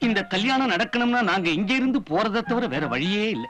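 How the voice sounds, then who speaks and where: An older father, hurt yet resigned, whose voice sits very high and swings widely. His tone is bright and carries a sighing sadness, with faint music running under the scene. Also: lively intonation, fairly quick. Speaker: father of the household. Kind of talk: 1980s film acting.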